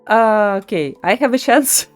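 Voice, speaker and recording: Animated yet unhurried, this woman with a mid-range voice commentates her gameplay live and reads out bits of the game's lore. The game's music can be heard underneath.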